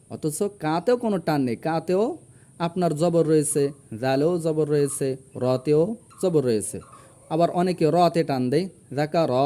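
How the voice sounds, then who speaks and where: A man's voice: a little high, mellow. A man teaching Quran reading, patiently spelling out each letter and its vowel before sounding it. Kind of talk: slow spelled-out recitation lesson.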